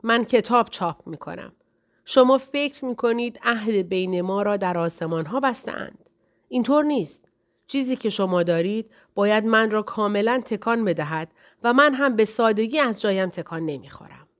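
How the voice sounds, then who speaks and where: A woman's voice: medium pitch, animated, natural voice. A woman reading an audiobook gives voice to a stern, unsmiling male publisher who speaks curtly and dismissively. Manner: curt, dismissive.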